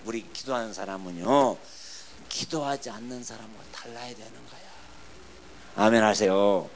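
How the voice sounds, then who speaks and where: A middle-aged man preaching a revival sermon in a church, swinging between loud bursts and hushed lines and acting out quarrels. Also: fairly low pitch, moderate pace. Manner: emphatic, swings from shouting to near-whispers, acts out quarrels. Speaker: pastor. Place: church sanctuary.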